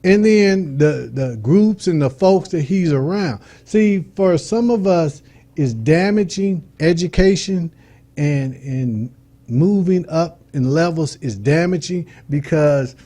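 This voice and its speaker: On a relaxed talk show, this middle-aged guest from Detroit, USA, speaks a little slowly in a soft, mellow voice that sits somewhat high. He's informal and sincere, making his case with everyday, homespun examples.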